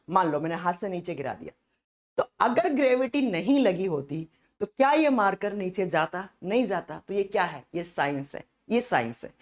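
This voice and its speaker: A female teacher with a hoarse, sore-sounding throat leads a live online science class, repeating her questions for the students. Her voice sits in the mid range and has a slightly dark tone.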